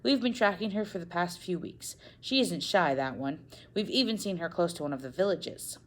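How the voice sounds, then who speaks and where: A woman voicing a warm, teasing father in a storybook reading. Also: fairly low pitch, expressive, normal speed, lightly acted. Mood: explaining.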